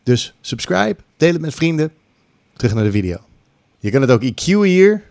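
Music loops run behind a middle-aged tutor giving a casual screen-recorded music production lesson in a small room at home. Sitting close to a large condenser mic on a boom arm, he talks at normal speed in a fairly high, very animated voice with vocal fry and some mellowness, mixing in English phrases.

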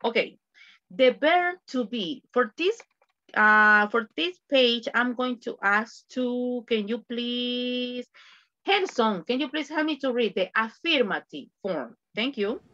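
A woman's voice: on the high side, takes it slowly, pushed and bright, muffled recording. A woman teaching an online English class, switching between English and Spanish to explain grammar and drilling her students with countdowns.

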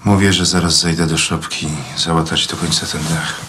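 A man in his thirties, with a very deep voice, as an evasive, deadpan husband in a film drama. Faint noise sits behind his understated delivery. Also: moderate pace. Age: 30s.

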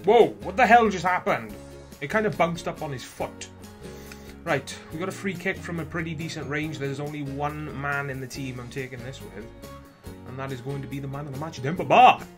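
A young man with a Welsh accent giving casual gameplay commentary, chatty one moment and shouting at the game the next, with mild swearing. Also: fairly high pitch, normal speed, faint music behind. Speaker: gaming video host.

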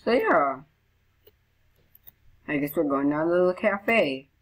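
Lady chatting slow thru a game, low voice, squeals when excited. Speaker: gamer. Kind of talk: let's play commentary.

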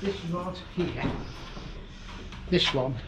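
A man's voice: a little high, extremely slow, background noise. An older man with a Northern English accent, guiding a visitor around a church clock tower and explaining it plainly, recorded on a moving camera inside a stone tower. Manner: plain, matter-of-fact explaining, sounds out chimes. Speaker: church clock expert guide. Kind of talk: explaining on a walking tour. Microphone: handheld camera mic, moving. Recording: dull lo-fi camera audio.

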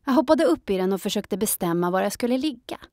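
A woman narrating a children's audiobook in a calm storytelling manner. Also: mid-range voice, no echo, clean studio sound.

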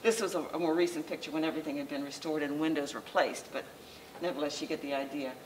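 Speaking low with fairly even intonation, an older woman who presides over the local historical society presents an informal slideshow talk to a few people in a library meeting room. She talks conversationally but haltingly, often restarting. The masked speaker is recorded from afar on a camera mic, with faint room noise.

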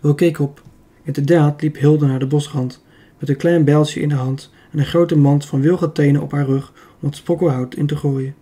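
A man narrating a children's adventure audiobook in a steady, even reading. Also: on the high side, moderate pace. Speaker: audiobook reader. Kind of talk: storybook narration.

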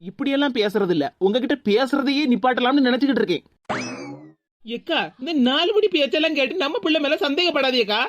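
A woman voicing a blunt, loyal younger woman with a Tirunelveli Tamil accent, sarcastic and quick to retort. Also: high voice, animated, muffled recording.

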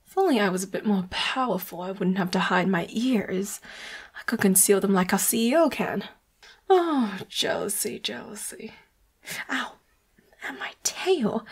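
In a roleplay audio drama, a female voice actor with a fairly high pitch plays a sweet boss hiding that she is a leopard hybrid. Her heavily acted delivery is soft, breathy and wistful with a complaining edge, frequently sliding into whispers.

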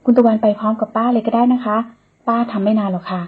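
A woman voicing a kind, fussing elderly housekeeper who speaks slowly and gently. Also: a little high, steady tone, husky, phone-quality sound. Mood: caring. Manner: slow, gentle and caring.

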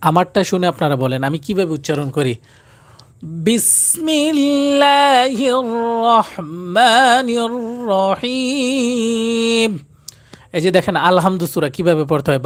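A man's voice: high voice, dry recording. A man teaching Quran recitation in a live stream, often pleading with viewers to like and share.

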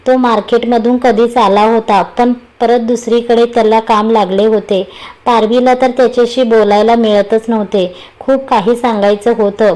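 A woman reading a romantic story aloud as narrator in a steady storybook manner. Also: a little high, poor audio.

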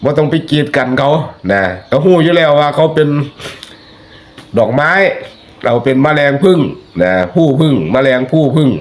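A man's voice: on the high side, moderate pace. Folksy Isan man preaching warnings. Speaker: online commentator. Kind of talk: casual spoken commentary.

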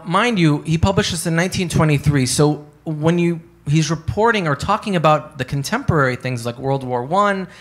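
A man in his thirties with a slightly high, somewhat bright voice gives a conversational academic talk on a panel. He speaks into a handheld microphone in a hotel conference room, using lots of fillers and hedges.

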